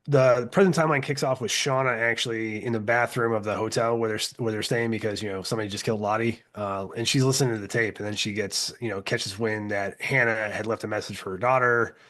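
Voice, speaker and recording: A man with a lowish voice co-hosts a casual TV recap. He talks in a laid-back way, swears freely and fills his sentences with "uh" and "like". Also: steady tone, quick pace, hardly any pauses, a bit bright. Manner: laid-back, profane, heavy with fillers. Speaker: podcast co-host.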